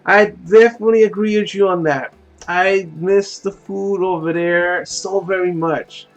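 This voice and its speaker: Faint game music plays as a man in his 30s from Puerto Rico streams a game, chatting casually. His high voice keeps fairly even intonation at a measured pace, and he comes across as laid-back and profane, quick to laugh.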